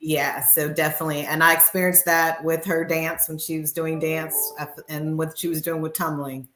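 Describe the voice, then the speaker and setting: A woman's voice: low-pitched, little pitch movement, normal speed, a bit bright, faint music behind. A woman in her fifties, a guest in a casual talk, speaking emphatically, repeating herself for stress and laughing often. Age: 50s. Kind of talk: casual chat. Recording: echoey room.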